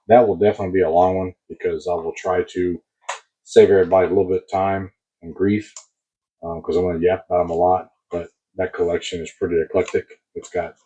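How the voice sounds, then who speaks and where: Deep male voice, American accent, husky, laid-back hobby vlogger, rambling, boomy close-miked submarine sound. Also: darkish tone. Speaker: host of a diecast car collecting channel. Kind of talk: casual hobby unboxing talk to camera. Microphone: new mic placed very close. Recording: muffled, boomy close mic.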